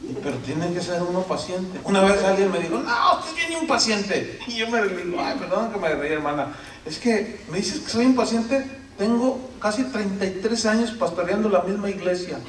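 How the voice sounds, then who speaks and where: Animated high-voiced pastor preaching. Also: male voice, moderate pace, slight background noise. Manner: animated, acts out quoted church members in changing voices. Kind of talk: sermon. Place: church hall. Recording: echoey hall, mic at a distance.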